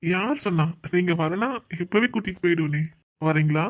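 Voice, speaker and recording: A woman's voice: lowish voice, normal speed, lo-fi sound, close to an everyday voice. A woman voicing a persistent, affectionate young man in a cartoon. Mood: coaxing. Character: young man, devoted and playful suitor. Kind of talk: cartoon voice acting.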